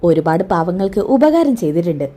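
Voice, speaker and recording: A woman voicing a formal male government official who gives measured, respectful praise and apologies. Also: on the low side, sing-song, dark tone, pitched below the performer's own voice.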